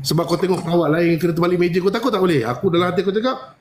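Fast-talking man telling a story. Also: slight background noise. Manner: animated, acts out dialogue with big pitch jumps. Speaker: spiritual healer. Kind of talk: casual storytelling on a live stream.

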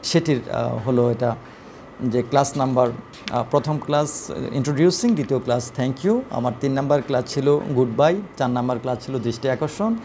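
Male English teacher, mid-pitched voice, slows down to spell out phrases, hesitant "uh" fillers, faint hiss in the background. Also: dark tone. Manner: slow, deliberate reading of example phrases with frequent "uh" fillers. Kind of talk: spoken English lesson.

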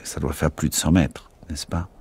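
A man's voice: extremely low pitch, little pitch movement, normal speed, creaky, a little mellow, husky, full character voice. A man reading the lines of an anxious, unsure young lieutenant on night watch in an audiobook, with tense, agitated questions.

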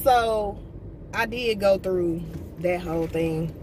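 A woman's voice: medium pitch, slow pace. A woman, talking candidly and assertively to her viewers in a car vlog. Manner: casual, assertive, talks straight to viewers. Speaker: motivational vlogger. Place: parked car, daytime. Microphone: phone camera on the dashboard. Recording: phone mic a little far off, loud car and street noise. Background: car and outdoor traffic noise.

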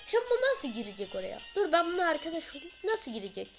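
A high-pitched woman gives lively gameplay commentary. She is excitable and chatty, throws out sudden exclamations, and keeps addressing her viewers. Soft music plays faintly underneath. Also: rapid-fire. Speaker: gaming channel host.

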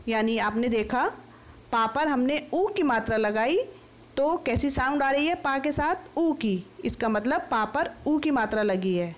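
An Indian woman teaching an online class for small children, sounding out words one syllable at a time in a slow phonics drill. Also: sits high, lively intonation.

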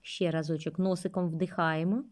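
A woman teaching young children a speech lesson, speaking gently and drawing out words for them. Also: fairly low pitch, steady tone, normal speed. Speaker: kindergarten teacher.

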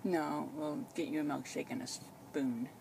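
A woman's voice: low voice, steady tone, unhurried. A woman chatting casually as a caregiver, explaining things simply and reassuringly. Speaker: caregiver filming a patient. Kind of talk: casual chat. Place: inside a parked car. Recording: clearly noisy in-car recording.

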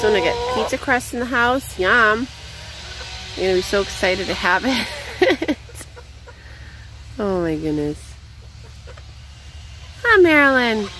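In a low-quality phone recording made outside, a young woman feeds her backyard chickens while chatting off the cuff for a vlog. She rambles and coos at the birds in a high-pitched voice.

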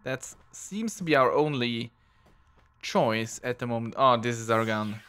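A man's voice: mid-range voice, unhurried, a bit bright, clean tone. A man giving casual commentary on a first playthrough, rambling and self-deprecating as he reads on-screen text aloud. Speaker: let's play gamer.

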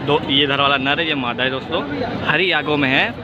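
A man's voice: on the high side, a little fast. A man with a Lucknow Hindi accent giving a chatty walkthrough of a pigeon market, talking straight to his viewers as friends. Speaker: vlogger showing pigeons at a market. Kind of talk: handheld market walkthrough commentary. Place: crowded outdoor pigeon market. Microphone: phone camera held close. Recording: dull lo-fi phone audio with loud crowd and traffic noise.

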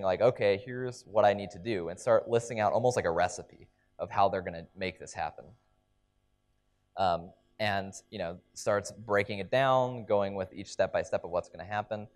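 A young man delivers a conference keynote on a large stage, speaking into a headset mic. He explains his ideas with frequent ums and restarts, in a slightly mellow voice on the low side.

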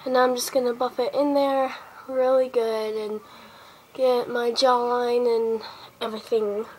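Talking through each makeup step as she applies it, this teenage beauty vlogger is sick and sniffly but chatty and casual in her small bedroom. Her woman's voice is on the high side and darkish, delivered flatly at a measured pace. A handheld device camera records her close up on a lo-fi mic that picks up faint background noise.

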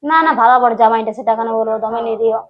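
A rapid, fairly high woman's voice on a dull, lo-fi recording. a woman playing a firm, scolding elder sister in an amateur village comedy drama, with a Manbhum Bengali accent. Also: fairly even intonation, natural voice. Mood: confiding. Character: outspoken elder sister scolding her mother. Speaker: elder daughter. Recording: dull lo-fi sound.

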